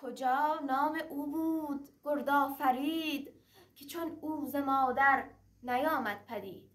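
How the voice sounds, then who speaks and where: A woman's voice: sits high, a bit bright, recorded from a distance. A woman reciting a traditional epic in the declamatory manner of a teahouse storyteller, moving between dramatic verse and narration.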